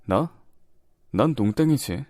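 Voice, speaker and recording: A man's voice: medium pitch, expressive, slow, darkish tone, no echo, clean studio sound. A man voicing an outgoing, friendly teenage transfer student in an audio drama, talking in a breezy, teasing way.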